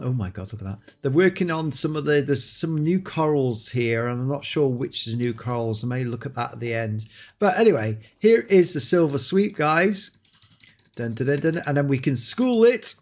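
This game showcase host has a darkish voice on the high side. He delivers enthusiastic gameplay commentary, frequently exclaiming as he presents new creatures.

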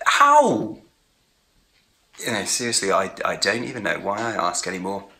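Tony, an exasperated best mate. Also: male voice, sits low, fast, bright, forceful tone. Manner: exasperated, sarcastic. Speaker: supporting character in comedy series. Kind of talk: sitcom acting.

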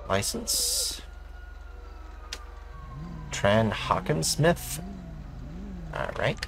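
A man playing a police officer in a game roleplay, mixing in-character radio calls with casual chat, animated and swearing as he narrates his actions. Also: mid-range voice, very slow, creaky, background noise.

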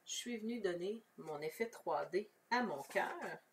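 A woman's voice: mid-range voice, expressive, a little slow, a little hiss or hum. A woman with a Québécois French accent leads a casual, chatty craft tutorial, explaining each step and answering viewers. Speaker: crafting demonstrator. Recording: voice somewhat far from the mic.

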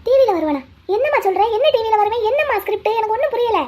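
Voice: very high voice, lively intonation, quick pace, a little mellow. A performer voicing a good-natured, puzzled male auto-rickshaw driver in a cartoon who keeps asking questions. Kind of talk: cartoon voice acting.

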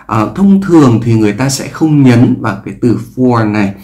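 A man's voice: mid-range voice, lively intonation, moderate pace, warm tone. A Vietnamese-speaking man teaching English pronunciation, explaining sounds and repeating words and example sentences to demonstrate them. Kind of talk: explanatory lesson.

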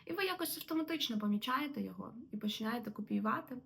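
A young woman from Ukraine talks through a lesson in a relaxed, chatty way. She sprinkles her talk with fillers and small laughs. Her voice has a bright, forward ring. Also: fairly high pitch, racing, creaky. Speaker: English teacher. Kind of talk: casual lesson to camera.

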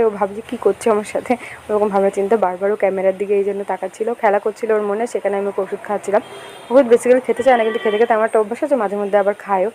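Young woman narrating her day over clips, talks super fast, kinda flat, faint hum behind. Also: mid-range voice, poor audio. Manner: rapid, chatty, with frequent fillers. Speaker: vlogger. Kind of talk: voice-over narrating a daily vlog.

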